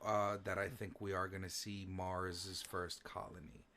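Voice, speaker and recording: A man in his thirties co-hosting a casual podcast. He argues his side and often stammers and restarts his sentences. Steady background noise runs under the recording. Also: sits low, unhurried. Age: 30s. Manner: stammers and restarts when pushing back. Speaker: podcast co-host. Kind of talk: casual chat.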